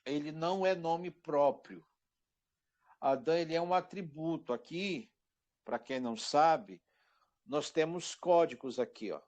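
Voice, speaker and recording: A man teaching an online Hebrew class on a microphone, patient and repeating words slowly while pointing things out. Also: a little high, darkish tone.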